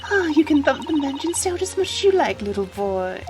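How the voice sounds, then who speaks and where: A woman voicing a smug, condescending English villainess in a fan game dub, breathy and slowly taunting. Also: high-pitched, very animated, over music, pitched above the performer's own voice. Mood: mocking. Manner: taunting, drawn-out sneering delivery.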